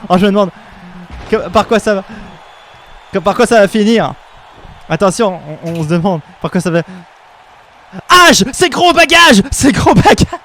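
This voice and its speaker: A man's voice: sits high, expressive, moderate pace, pauses often. A young man co-hosting a live stream, giving playful commentary and teasing his partner. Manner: jokey, teasing, laughs often.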